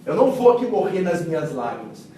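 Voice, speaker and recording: Animated preacher, echoey hall. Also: male voice, a little high, quick pace, a little hiss or hum. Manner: animated storytelling, acting out quotes, shifting from loud to hushed. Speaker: pastor. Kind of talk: sermon. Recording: echoey hall miked from a distance.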